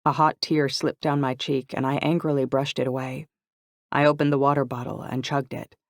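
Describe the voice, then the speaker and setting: Male narrator, mid pitch, even first-person read, dry booth sound. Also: normal speed, no echo. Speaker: audiobook narrator.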